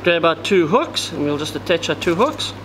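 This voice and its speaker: A man walks through tying a knot step by step, explaining each move as his hands work. His voice sits fairly high for a man. He is recorded indoors in a tackle shop, with a clear air-conditioning hum behind him. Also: big pitch swings, normal speed. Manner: step-by-step, talks while working with his hands. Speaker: fishing tackle instructor. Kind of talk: hands-on tutorial demonstration.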